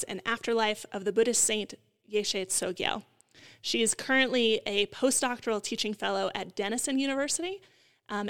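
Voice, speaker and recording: A woman hosts an interview podcast in a relaxed, chatty way, leaning on small fillers as she talks. Her voice sits at a middle pitch. Faint music hums in the background. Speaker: podcast host. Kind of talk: conversational interview.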